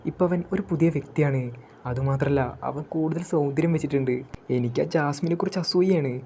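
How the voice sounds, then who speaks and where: A shy, warm young princess in a storybook retelling, read out by a man. The tone is mellow and low-key, with faint background noise behind it. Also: a little fast, close to an everyday voice. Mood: tender.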